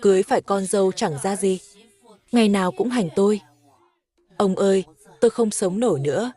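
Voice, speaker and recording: A woman voicing a shrill, nagging old village grandmother who scolds and wails her complaints, in a plain reading voice. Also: a little fast, mellow, lightly acted. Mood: wailing.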